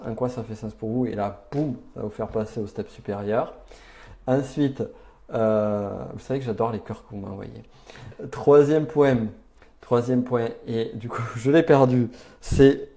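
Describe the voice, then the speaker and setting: Upbeat man hosting a live stream, mellow voice. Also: medium pitch, measured pace. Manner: upbeat, chatty, answers live chat comments. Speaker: personal development speaker. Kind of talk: live-stream talk to viewers.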